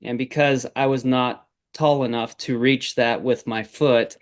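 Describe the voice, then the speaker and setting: A man in his forties, a farmer guest on a podcast, talking in a relaxed, rambling way with many fillers. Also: medium pitch, a little slow. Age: 40s. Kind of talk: casual interview chat.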